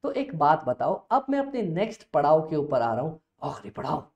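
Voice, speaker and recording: Man, teacher, playful lecture, self-answering banter, very animated pitch, echoey. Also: fairly quick, highs cut off. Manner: playful, answers his own questions in a student's voice. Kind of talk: energetic classroom lecture.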